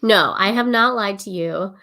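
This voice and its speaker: A woman's voice: mid-range voice, normal speed, pushed and bright. Stuffy-nosed woman podcast co-host. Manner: laughing, self-deprecating. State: nasal from a cold. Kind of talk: casual podcast chat.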